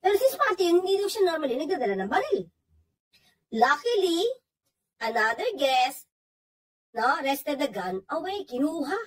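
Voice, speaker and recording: Woman with a high, bouncy voice, chatty, reads stuff out loud then riffs on it. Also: sing-song, normal speed, long pauses, rough recording. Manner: chatty, reads English passages aloud then comments in Tagalog. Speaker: co-host. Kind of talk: casual commentary reading articles aloud.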